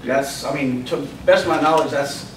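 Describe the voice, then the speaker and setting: A city public works worker telling a council step by step what happened, quoting what others said. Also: male voice, a little high, a little fast. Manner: plain step-by-step retelling, quotes others. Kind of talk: recounting events at a council meeting. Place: council chamber. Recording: echoey room, distant, hissy.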